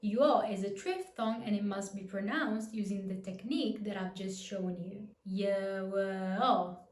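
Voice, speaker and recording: A woman teaching a pronunciation lesson, patient and clear, demonstrating each word slowly and repeating it. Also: mid-range voice, darkish tone, roomy sound. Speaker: language teacher.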